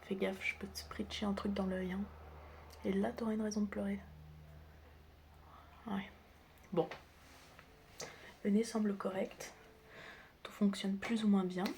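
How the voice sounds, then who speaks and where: In a playful, teasing ASMR roleplay, a woman plays a chaotic doctor who is the listener's best friend, addressing them casually and kindly. Her soft, breathy voice often drops to a whisper; it sits at medium pitch with little movement, a little slow, with frequent pauses. The close recording has clear background noise and clicking.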